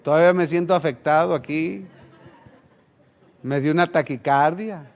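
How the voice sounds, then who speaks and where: A man's voice: on the high side, normal speed. A middle-aged man with a Mexican Spanish accent preaching a sermon, telling a personal story and acting out voices in quotes. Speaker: pastor.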